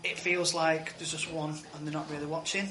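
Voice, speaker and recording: Man, earnest and halting, a bit high-pitched, echoey outdoor recording with clear background ambience. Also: flat delivery, noisy background. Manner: earnest, halting, restarts often. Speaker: guest, father. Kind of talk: casual chat. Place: outdoors by a lake.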